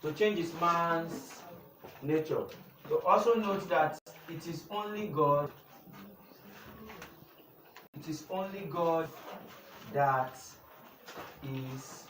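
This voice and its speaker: A young Nigerian man with a slightly high voice teaches a group indoors, asking questions back to them. He is recorded from across an echoey room. Steady background noise runs under his voice. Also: slow pace, pauses often. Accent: Nigerian English. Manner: call-and-response questioning. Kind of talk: teaching a youth class. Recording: echoey room from far off, noisy.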